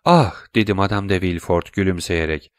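A man reading a classic novel aloud in steady audiobook narration. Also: fairly low pitch, moderate pace, no echo, studio quality.

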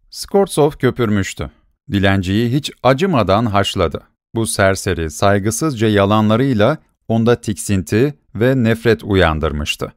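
A man narrating a short story in a measured reading voice. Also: mid-range voice, no room sound, clean studio sound.

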